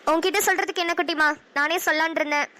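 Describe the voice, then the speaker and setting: A woman voicing a gentle, lovestruck young elder sister in a cartoon, soft and coaxing, with a Namakkal Tamil accent. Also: very high-pitched, fairly even intonation, quick pace, slight background noise. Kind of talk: cartoon voice acting.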